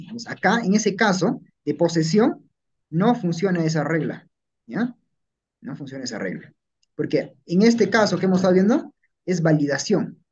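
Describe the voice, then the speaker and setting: Guy teaching a class, kinda high voice, keeps asking "right?", muffled recording. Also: a little mellow, husky. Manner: explains patiently, checking in with "¿no?" and "¿ya?". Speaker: language teacher. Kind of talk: classroom lesson. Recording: dull lo-fi recording.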